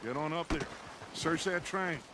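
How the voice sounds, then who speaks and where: An actor playing a middle-aged outlaw gang leader who speaks in a persuasive, theatrical, deliberate way. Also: male voice, a little high, natural voice. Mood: threatening. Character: smooth commanding male outlaw gang leader. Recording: game cutscene with loud wind and hooves.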